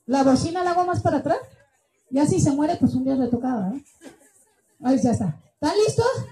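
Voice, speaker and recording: Woman, Mexican accent, party clown host, extremely high pitch, playful shouting. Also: animated, brisk, low-quality recording. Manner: playful, joking, shouting game commands. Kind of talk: hosting party games for kids.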